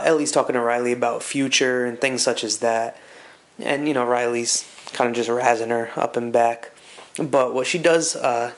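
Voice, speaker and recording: Guy doing a laid-back recap, kinda rambly and hesitant, lots of gravelly fry in his voice. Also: mid-range voice. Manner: rambling, hesitant, loosely conversational. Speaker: comic reviewer. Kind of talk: casual commentary recapping a comic.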